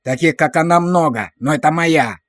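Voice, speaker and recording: A man's voice: fairly high pitch, normal speed, a bit bright, dry recording, studio quality, natural voice. A man voicing a harsh, abusive drill sergeant who barks orders and insults at recruits. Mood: barking.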